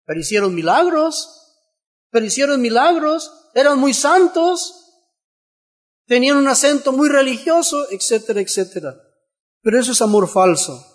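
High-voiced man preaching with emphatic repetition. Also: big pitch swings, normal speed, long pauses. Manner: emphatic repetition and rhetorical questions. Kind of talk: sermon.

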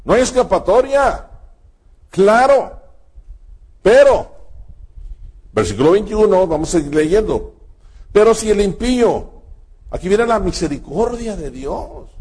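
A man preaching a sermon, emphatic and deliberate, with sudden leaps in pitch for stress. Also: big pitch swings, darkish tone, slightly rough.

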